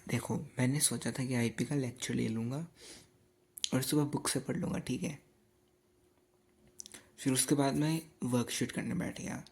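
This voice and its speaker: A sleepy young Indian man talking low and unhurried in a late-night study vlog. His voice is gravelly, and his pitch sits in an ordinary middle range. He rambles as if worn out after a long evening. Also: fairly even intonation. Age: late teens. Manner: speaks softly and slowly so as not to wake others; drifts between two languages, rambling and tired. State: sleepy and tired. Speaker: student vlogger.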